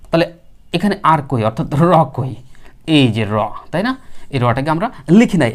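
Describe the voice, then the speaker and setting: A man's voice: a little high, darkish tone. Guy teaching english, patient, says words over and over, voice bounces up and down a lot. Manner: patient, repeats words slowly for learners. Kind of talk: spoken English lesson.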